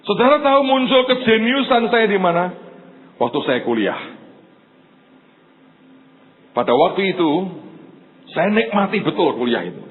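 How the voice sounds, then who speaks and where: A male pastor, preaching in an animated storytelling way, acting out the people in his stories and often turning to the congregation. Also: high-pitched, normal speed. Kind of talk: sermon storytelling. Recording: tinny phone-like sound with faint noise.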